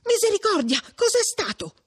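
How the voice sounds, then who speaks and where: A woman reading a novel aloud, voicing a flustered, sharp-tongued old housekeeper who exclaims in alarm. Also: extremely high pitch, very animated, normal speed, voice pushed up. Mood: frantic. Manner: frantic, exclaiming. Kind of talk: audiobook character reading.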